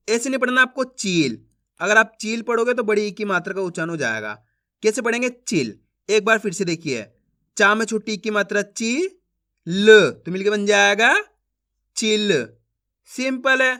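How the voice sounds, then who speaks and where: A man's voice: sits high, pushed and bright. A man teaching beginners to read Hindi, sounding out words syllable by syllable and talking to viewers as friends. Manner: slow syllable-by-syllable drilling, addresses viewers as friends. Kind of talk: online reading lesson for beginners.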